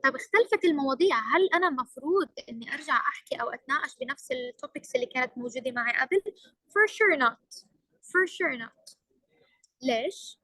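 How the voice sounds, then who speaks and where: A young woman trainer with a Levantine Arabic accent delivers a workshop lecture, slipping English phrases into her Arabic and pressing hard on key words. Her voice sits high and sounds bright and crisp. The recording is dry and close, with almost no room sound. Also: lively intonation, a little fast, dry recording, poor audio. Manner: mixes English into Arabic, emphatic.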